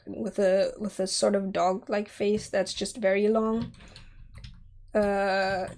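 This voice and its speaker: A 3D artist in her twenties sculpts on a live stream, answering chat in a chatty, giggly way. She speaks in a somewhat mellow mid-range voice that a sore throat and cold have made scratchy.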